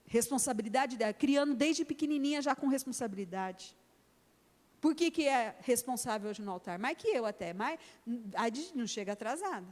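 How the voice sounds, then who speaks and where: A woman's voice: a little high, animated, normal speed, darkish tone. A middle-aged Brazilian woman pastor preaching an emphatic sermon in a church, acting out conversations with her daughter. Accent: Brazilian Portuguese. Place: church hall. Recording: long church reverb.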